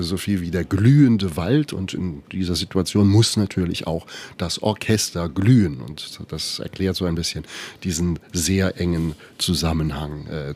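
A man hosting a live radio interview from a studio bus, asking questions and translating his guest's answers in a measured, articulate way. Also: deep voice, darkish tone, breathy edge.

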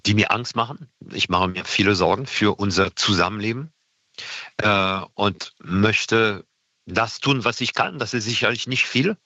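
A middle-aged man from France with a French accent, a guest in an interview, speaking earnestly and haltingly with many fillers. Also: lowish voice, bright, forceful tone, no room sound. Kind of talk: radio interview. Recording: dull lo-fi sound.

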